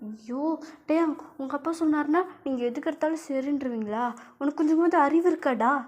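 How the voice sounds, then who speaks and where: Upset young girl in love, loud and high, tells him off, woman doing her. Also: slow. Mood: scolding. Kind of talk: spoken fan-fiction storytelling.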